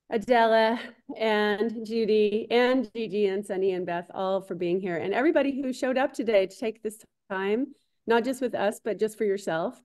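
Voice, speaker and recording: A woman's voice: mid-range voice, a little mellow. A woman co-hosting a livestream in a casual, chatty style. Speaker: livestream co-host.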